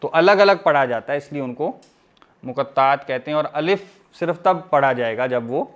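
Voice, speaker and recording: A man gives a recorded pronunciation lesson in a fairly high voice. He explains step by step with patience and pauses often to check that listeners follow. When he demonstrates, he stretches each letter sound out slowly. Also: animated. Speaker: teacher.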